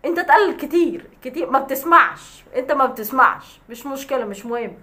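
A woman's voice: high voice, expressive, fast, sharp tone. A woman with an Egyptian accent, a vlogger ranting at a critic in a sarcastic, scolding way with scornful laughs. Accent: Egyptian Arabic. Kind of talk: mocking rant to camera.

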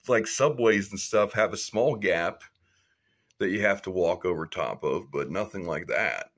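A man chatting casually while showing his hobby builds off camera, relaxed and rambling, with fillers and small chuckles. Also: on the low side. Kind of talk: casual show-and-tell chat. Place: indoor hobby room, filming his own builds.

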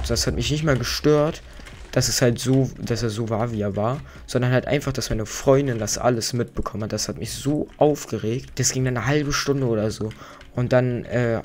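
A man's voice: medium pitch, a little hiss or hum. Slangy young man chatting while gaming. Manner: slangy, rambling, chatty with many fillers. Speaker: let's play host. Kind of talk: casual gaming commentary while storytelling.

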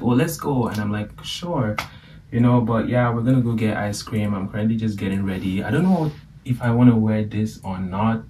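A young man talks casually into his phone camera in a slightly low voice. He is relaxed and chatty and leans on fillers. Faint noise sits behind him. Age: young adult. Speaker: vlogger. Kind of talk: casual vlog chat. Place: indoors at home and at a campus library.

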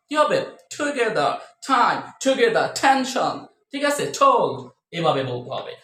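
A man gives a spoken English lesson, his pitch swinging widely as he quizzes viewers on each letter. He drills sounds again and again. The room is echoey and a faint hiss sits behind him. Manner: animated, keeps asking the viewers questions. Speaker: English teacher.

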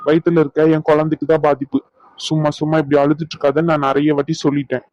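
A young cartoon husband, voiced by a man, firm and insistent yet affectionate. His voice sits high for a man, and the recording is dry and a little dull. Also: flat delivery, fast talker, darkish tone, no echo, natural voice.

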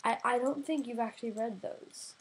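High-voiced woman bantering over a game. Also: moderate pace, a little hiss or hum. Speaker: gaming video player. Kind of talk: casual gameplay banter.

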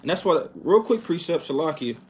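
A man giving an informal Bible lesson, reading verses slowly and with emphasis, then dropping to a quiet "man" or "right?" after each point. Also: a little high, lively intonation, a little hiss or hum. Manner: reads verses slowly and loudly, tags lines with "right?" and "man". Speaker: bible teacher. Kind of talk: informal scripture teaching.

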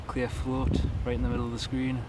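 A man filming himself fishing from a harbour jetty on his phone, giving relaxed, matter-of-fact running commentary as he thinks aloud. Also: mid-range voice, fairly quick. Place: outdoors on a wooden harbour jetty by the water. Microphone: phone camera held by the speaker. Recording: loud wind noise on a phone mic. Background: wind and water.

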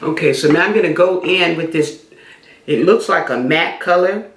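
Doing her makeup on camera for a beauty vlog, a middle-aged woman talks in a casual, repetitive way. She speaks at a normal speed in a voice on the low side, recorded in a small, echoey indoor room.

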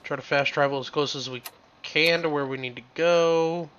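A man's voice: fairly high pitch, steady tone, normal speed, fairly bright tone, muffled recording. Foul-mouthed male gamer, muttered jokey commentary, noisy recording. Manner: profane, joking, mutters to himself. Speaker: gameplay commentator. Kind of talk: casual gameplay commentary.

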